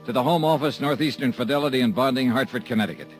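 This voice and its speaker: A man's voice: medium pitch, fast talker, faint music behind. A man narrating and acting a wisecracking insurance investigator in a 1950s radio drama, dry and hard-boiled. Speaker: lead actor and narrator.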